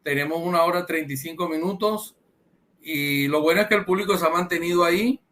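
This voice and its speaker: Courteous host man, slightly high voice. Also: brisk, a bit bright. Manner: courteous, formal sign-off with greetings. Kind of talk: online program host.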